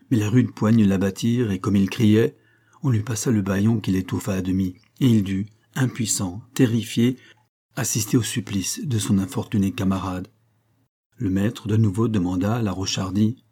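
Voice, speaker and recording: A male audiobook narrator who tells the story in a measured, dramatic way. His voice is low and husky, with a dark, mellow tone. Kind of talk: scripted narration.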